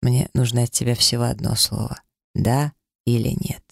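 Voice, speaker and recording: A man reading a romance audiobook, voicing a confident man in love who speaks softly and reassuringly. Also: medium pitch, little pitch movement, normal speed, gravelly, husky, no echo, clean studio sound. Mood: tender. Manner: soft, warm-hearted and reassuring.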